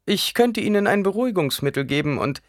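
A man's voice: high voice, big pitch swings, a little fast, dry recording, clean studio sound, pitched above the performer's own voice. A man voicing an anxious, deferential male court doctor in an audiobook reading, nervous and polite.

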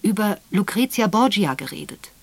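A woman's voice: medium pitch, expressive, moderate pace, gravelly, slightly rough, dry recording, pitched above the performer's own voice. A woman doing a hesitant young secretary.

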